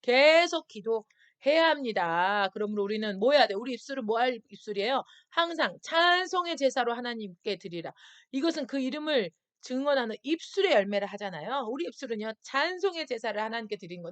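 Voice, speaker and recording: A woman's voice: sits high, a bit bright. A woman pastor preaching a sermon to a youth service. She often asks her listeners questions and acts out short quoted voices. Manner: acts out voices of people and God in quoted asides. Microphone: screen-recorded stream.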